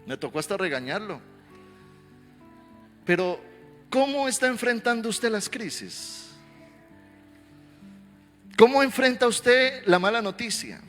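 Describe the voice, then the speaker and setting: A male pastor preaching a sermon, telling stories animatedly and swelling into loud exhortation. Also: high voice, big pitch swings, slow pace, pauses often. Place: church sanctuary. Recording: reverberant hall with faint music.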